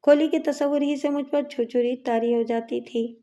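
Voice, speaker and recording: A woman narrating a story in a steady, measured way. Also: sits high.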